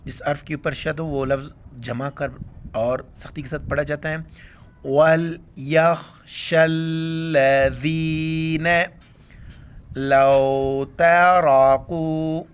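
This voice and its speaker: A man teaching Quran recitation rules, explaining letter by letter and then reciting words slowly and drawn out. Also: mid-range voice, dull audio.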